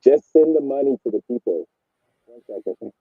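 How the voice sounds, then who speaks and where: A man's voice: medium pitch, expressive, moderate pace, slightly rough, no room sound. A male livestream guest joking offhand, his voice muffled as if heard through a wall. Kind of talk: casual chat. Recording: muffled lo-fi mic, distant.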